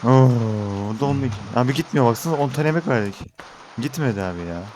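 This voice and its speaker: A man's voice: mid-range voice, expressive, fairly quick, a little mellow, a little hiss or hum. A young Turkish man giving let's-play commentary, talking to his viewers and getting frustrated with the game. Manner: exasperated, talks to viewers as he plays. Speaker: gaming YouTuber.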